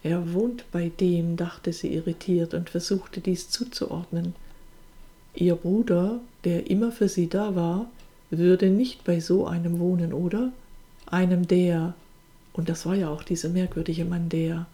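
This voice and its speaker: A woman reading a novel aloud in a measured, expressive narration. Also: on the low side. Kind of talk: audiobook narration.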